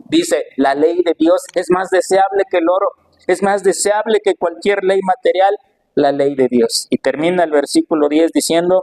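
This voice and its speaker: A male pastor preaching a sermon with emphatic delivery, slowing down to stress scripture and asking the congregation rhetorical questions. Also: fairly high pitch, darkish tone, low-quality recording.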